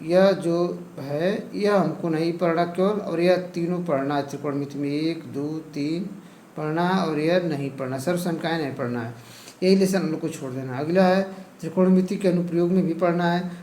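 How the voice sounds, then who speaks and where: A man's voice: on the high side, warm tone, roomy sound, slight background noise, poor audio. A male teacher with an eastern Uttar Pradesh Hindi accent who goes over a syllabus topic by topic and keeps saying "ठीक है". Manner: repeats "ठीक है", lists topics one by one. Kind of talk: lesson going over a syllabus.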